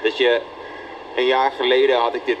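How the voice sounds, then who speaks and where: A young man talks as the guest in an interview, answering modestly and a little hesitantly. He fills his pauses and agrees readily with the interviewer. His pitch is in the middle range for a man. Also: level tone, highs cut off, background noise. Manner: modest, hesitant with many fillers and short agreements. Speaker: guest singer. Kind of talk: casual interview.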